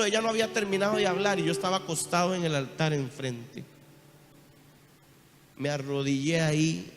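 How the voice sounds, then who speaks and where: A man with a Costa Rican accent preaching a sermon, telling his testimony with strong emotion, moving from hushed speech to loud cries. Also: sits high. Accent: Costa Rican Spanish. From Costa Rica. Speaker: apostle preaching. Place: large church hall. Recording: reverberant church hall. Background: soft guitar music.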